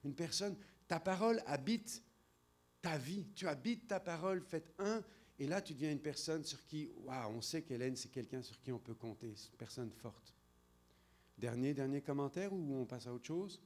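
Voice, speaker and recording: A man with a French accent leads a church seminar in a slightly high voice. He turns to people in the audience by name and gets animated, lifting his voice to stress a point. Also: normal speed. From France. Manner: engaging, addresses audience members by name. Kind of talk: interactive sermon-style talk.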